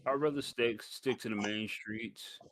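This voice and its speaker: A man's voice: medium pitch, a little slow, crowd noise. A man playing a character in a casual tabletop game, talking in a laid-back, slangy way. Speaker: player. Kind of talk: casual tabletop role-play.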